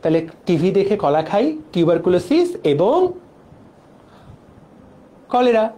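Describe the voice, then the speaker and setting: A man's voice: sits high, very animated, slow pace, mellow. Young man lecturing with playful mnemonics. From Bangladesh. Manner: playful, drills mnemonics with repetition. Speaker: biology lecturer. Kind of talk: exam-prep class lecture.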